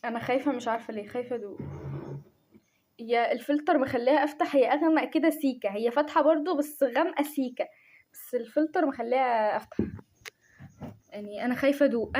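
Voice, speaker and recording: A young woman with an Egyptian Arabic accent, chatting casually to her viewers while making coffee, self-mocking and excitable. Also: high voice, slight background noise. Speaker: vlogger. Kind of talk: casual chat to camera.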